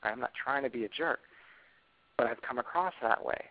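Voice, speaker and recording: A man speaking over a thin, phone-like line in an even middle register. He explains patiently as a counselor would, often pausing to ask the listener whether they follow. The sound is narrow and tinny. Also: medium pitch, dry recording. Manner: explanatory, checks in with frequent tag questions. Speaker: couples counselor and workshop leader. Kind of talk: explaining on a call.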